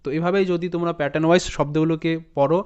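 Man spelling words out slowly. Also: fairly high pitch, fairly even intonation, a little mellow, clean tone. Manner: spells words letter by letter, then repeats them slowly. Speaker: English reading teacher. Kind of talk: spoken language lesson. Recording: dull lo-fi sound.

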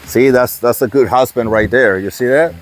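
Casual guy hosting a vlog, relaxed teasing chat at a lakeside restaurant. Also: mid-range voice, normal speed, soft background music. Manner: easygoing, teasing. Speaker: vlog host. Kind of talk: casual chat and to-camera intro.

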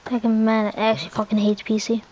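A woman's voice: on the high side, little pitch movement, quick pace, mellow, slight background noise, poor audio. Rambling, swearing channel host, woman. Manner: rambling, swears often, hunts for words. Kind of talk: casual chat while texting.

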